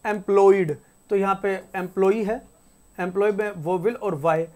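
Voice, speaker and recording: A woman teaching spelling rules in a casual classroom style. She reads each rule out slowly and repeats the example words. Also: mid-range voice, fairly even intonation, darkish tone. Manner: casual, conversational teaching with frequent checks like "theek hai". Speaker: English teacher.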